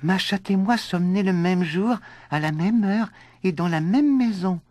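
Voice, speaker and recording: A man voicing a gentle young girl with cat ears in a read-aloud storybook, soft and earnest. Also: sits high, measured pace, dry recording, pitched above the performer's own voice.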